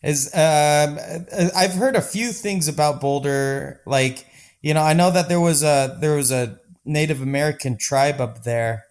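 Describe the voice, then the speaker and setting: A man's voice: on the high side, a little slow, a little mellow. A man from Denver, a podcast guest, talking casually and enthusiastically with many restarts. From Denver, Colorado. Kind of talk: casual conversation.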